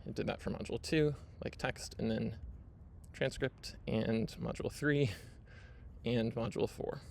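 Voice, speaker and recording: In his own video, a man gives a casual screen-share walkthrough in a medium-pitched, slightly mellow voice with vocal fry. He keeps a measured pace, drops in lots of fillers and "right?" tags, and a faint hiss or hum is audible.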